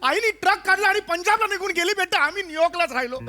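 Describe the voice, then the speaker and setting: An actor playing a melodramatic, sentimental elderly father in a stage comedy sketch, telling his story theatrically and loudly. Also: very high-pitched, lively intonation, quick pace, loud music behind the voice. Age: older.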